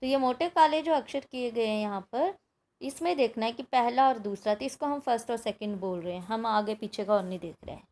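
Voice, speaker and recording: A woman teaching a grammar lesson to students, slowly repeating terms and asking and answering her own questions. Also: a little high, a little mellow. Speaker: Hindi teacher. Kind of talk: explaining a grammar exercise to students.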